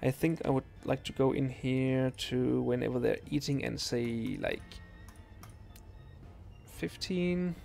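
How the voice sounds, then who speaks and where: A man's voice: medium pitch, gravelly. A young Danish man, not a native speaker, streaming a video game and chatting casually with viewers, with many ums and restarts. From Denmark. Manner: relaxed, halting, lots of ums and restarts. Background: faint game music.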